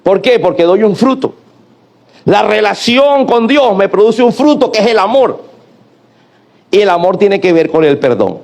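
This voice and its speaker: High-voiced pastor preaching. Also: male voice, big pitch swings, unhurried, creaky, long pauses, darkish tone. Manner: preaching, calling on the congregation to repeat and answer. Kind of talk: sermon.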